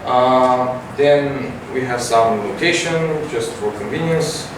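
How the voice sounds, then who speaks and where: A teenage boy giving a science competition report with many fillers and halting phrasing. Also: medium pitch. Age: teens. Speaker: student presenter. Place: large classroom with projector. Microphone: far camera. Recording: echoey room from far off, noisy.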